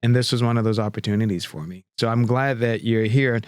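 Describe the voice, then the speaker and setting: A man's voice: medium pitch, a little fast, a little mellow, clean tone, no room sound, studio quality. A man hosting a podcast interview, reflecting on what he has heard and asking open questions in an affirming way. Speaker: podcast host. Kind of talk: interview conversation.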